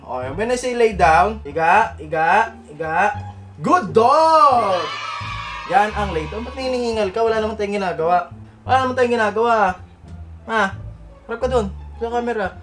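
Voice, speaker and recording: A man's voice: sits high, fairly bright tone. A man vlogging, playfully coaxing his dog and repeating commands over and over. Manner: playful, coaxing, repeats commands, code-switches Tagalog and English. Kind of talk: casual vlog.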